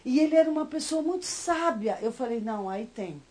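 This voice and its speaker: A woman's voice: high-pitched, brisk, poor audio. A middle-aged woman from Brazil with a Brazilian Portuguese accent, preaching a sermon and telling stories with emotion, speaking to the congregation. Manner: emotional, animated storytelling with asides to the congregation. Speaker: missionary preacher. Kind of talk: sermon with storytelling.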